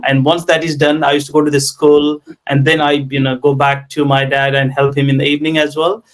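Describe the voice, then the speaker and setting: His voice sits on the high side with little pitch movement as this thirty-something Nepali tech entrepreneur shares his life story in interview. Pauses and fillers like um and you know crowd his hesitant speech.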